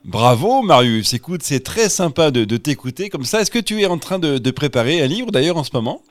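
A man's voice: fairly high pitch, very animated, a little fast, no echo. Easygoing male radio host, dry sound. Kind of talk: radio interview. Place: radio studio.

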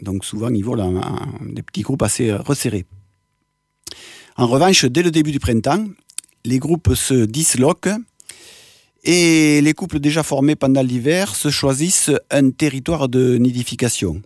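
Male wildlife presenter, informal nature-documentary explainer, medium pitch, teacherly, rephrases as he goes, close dry sound. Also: no echo. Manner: didactic, pausing to search for words and reformulate. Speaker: bird presenter giving a talk.

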